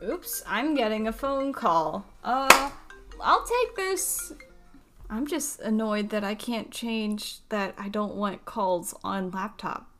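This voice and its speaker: A woman's voice: medium pitch, takes it slowly, few pauses, fairly bright tone, soft background music. A woman co-hosting a casual podcast chat, chatty, drifting into rambling asides. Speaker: podcast co-host. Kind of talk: casual chat about a cartoon.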